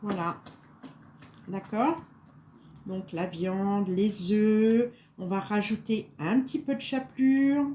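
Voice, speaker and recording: A woman's voice: mid-range voice, steady tone, slow pace, mellow, slight background noise. A woman presenting a recipe in a casual live cooking chat, rambling with many fillers, tired and on edge after a bad night. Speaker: home cook presenting a recipe.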